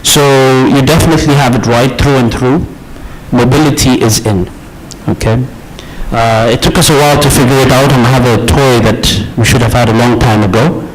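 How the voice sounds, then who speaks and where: On poor audio with slight background noise, a medium-pitched man speaks in a steady tone at a moderate pace. He's a middle-aged Ethiopian-born executive raised in the US, delivering a casual conference talk and often checking in with listeners by saying "yeah?" and "okay?".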